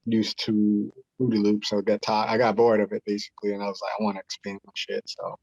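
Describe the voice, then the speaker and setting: Man in his 30s, low monotone voice, halting and profane, interview guest. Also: no room sound, lo-fi sound. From Boston area. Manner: rambling, halting, slangy and profane. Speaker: beat maker guest. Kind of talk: casual interview.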